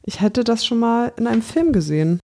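A man's voice: extremely high pitch, expressive, a little fast, vocal fry, dark tone, pitched above the performer's own voice, full character voice. A narrator voicing a panicky, half-drunk young man who is close to hysteria. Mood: anxious. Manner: near-hysterical.

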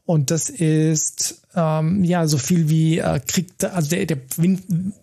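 A man's voice: fairly high pitch, fairly even intonation, takes it slowly, gravelly, dark tone. A man co-hosting a casual conversational podcast, talking in a hesitant way with many fillers and restarts. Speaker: podcast co-host.

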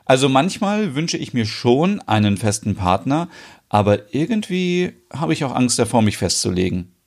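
A man's voice: mid-range voice, big pitch swings, moderate pace, a little mellow. A man playing a grumbly, teasing man in his thirties in an audio soap. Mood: chatty. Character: 32-year-old man, grumbly, teasing, fond of bearded men.

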